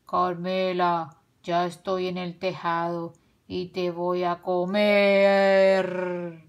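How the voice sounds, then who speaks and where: A menacing male wolf from a children's storybook, put on by a woman reading aloud. He drags every word out slowly and booms the words, a touch deeper than her own voice. His threats sound patient and greedy. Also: monotone, highs cut off. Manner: slow, drawn-out and loud.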